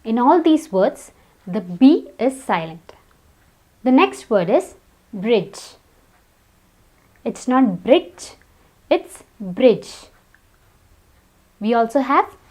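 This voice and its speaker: A woman giving a scripted pronunciation lesson, saying each word slowly and deliberately and repeating it for contrast. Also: high-pitched, dark tone. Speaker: English pronunciation teacher.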